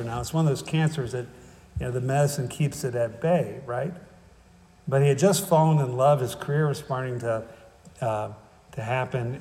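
Conversational preacher in a reverberant hall. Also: male voice, medium pitch, darkish tone. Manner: conversational, often adds "right?" and "okay?"; wry humor. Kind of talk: sermon.

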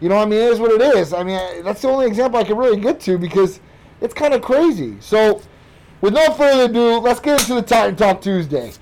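An American man hosting an energetic talk show, speaking emphatically with his voice muffled by a face mask. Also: high-pitched, fast talker. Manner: emphatic, repetitive, addresses listeners as guys. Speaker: podcast host.

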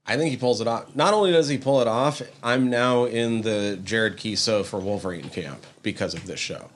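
Male co-host, lower pitch, relaxed conversational delivery, casual swearing. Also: normal speed. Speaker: podcast co-host. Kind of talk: casual chat.

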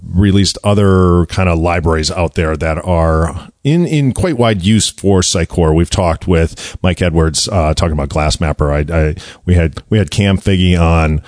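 A man's voice: sits low, moderate pace, darkish tone, no room sound, studio quality. A man hosting a conversational technical podcast, often circling and restarting his phrases as he talks. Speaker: podcast host.

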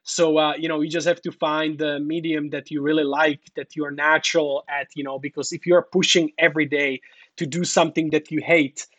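A man's voice: a little high, fairly quick, dry recording. A man from the Republic, an English speaker, guesting on a podcast and talking casually with lots of fillers and restarts. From Czech Republic. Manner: relaxed, rambling, frequent fillers. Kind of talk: casual interview talk.

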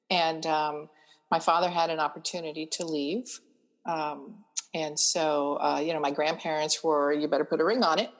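A retired woman, a grandmother, born in Cuba, chatting casually as a guest and telling her family story with frequent fillers. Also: on the low side. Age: older. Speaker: guest author. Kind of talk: casual conversation.

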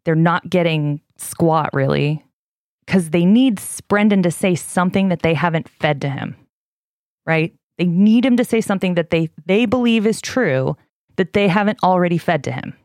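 A middle-aged woman hosting a podcast, retelling a case in casual chat. She gets animated and heated and swears often. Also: lowish voice, normal speed, dry recording, clean studio sound. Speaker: podcast host.

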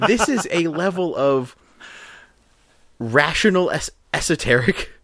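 A man's voice: fairly high pitch, expressive, unhurried, fairly bright tone, dry recording. A man co-hosting a podcast, chatting casually and enthusiastically, analytical and prone to restarts. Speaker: podcast co-host. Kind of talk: casual chat reviewing a cartoon.

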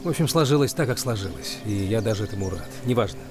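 A man's voice: on the low side, animated, quick pace, music in the background, lightly acted. A man playing a blunt, reflective middle-aged football coach in a film drama.

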